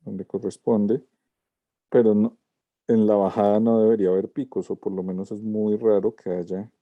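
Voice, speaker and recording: A man's voice: lowish voice, little pitch movement, normal speed, dry recording, narrow, tinny audio. A man, a lettering teacher giving a student feedback over a video call, walking through corrections step by step. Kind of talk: class critique of student work.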